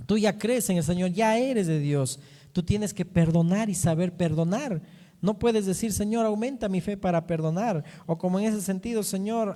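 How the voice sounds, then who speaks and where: A man's voice: sits high, warm tone. A man preaching a sermon as pastor, explaining scripture and asking rhetorical questions. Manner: teaching, reading and explaining scripture; asks rhetorical questions, often ending with "¿no?". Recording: reverberant hall sound.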